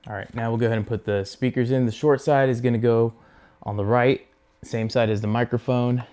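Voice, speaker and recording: In a mid-range, steady, slightly mellow voice that's clear and resonant, a man hosts a motorcycle gear install video. He talks casually and unhurriedly through each step while working with his hands.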